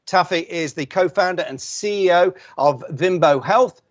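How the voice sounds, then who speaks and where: A man hosting an online event, briskly introducing the speakers in an upbeat, announcer-like way. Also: sits high, lo-fi sound. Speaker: event host.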